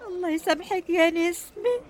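Radio drama role: anxious rural Egyptian villager, high voice, deferential, pleading, prone to lament. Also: female voice, fairly quick, some chatter behind. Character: anxious, deferential village woman reporting to police.

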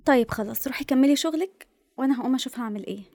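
High, very fast Egyptian young woman. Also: a little mellow, dry recording, clean studio sound. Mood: affectionate. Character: lively, sardonic, self-reliant young woman photographer. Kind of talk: radio drama acting.

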